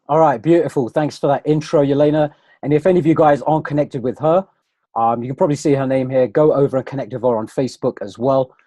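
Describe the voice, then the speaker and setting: A man's voice: mid-range voice, a little fast, mellow, dry recording. A man hosting an online webinar in a casual, conversational way, talking straight to viewers over a computer microphone. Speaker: webinar host.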